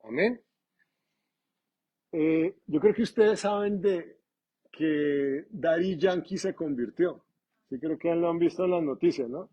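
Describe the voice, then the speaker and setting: A man preaching a sermon in an animated, conversational way with humor. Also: on the high side, slow pace, pauses often, lo-fi sound. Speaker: pastor.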